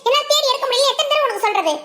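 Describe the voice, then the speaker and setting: A woman's voice: extremely high pitch, animated, rapid-fire, slight background noise, heavily acted. Woman doing demanding young sister, Tirunelveli accent. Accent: Tirunelveli Tamil. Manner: yelling, demanding. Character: sharp-tongued demanding young sister Latha.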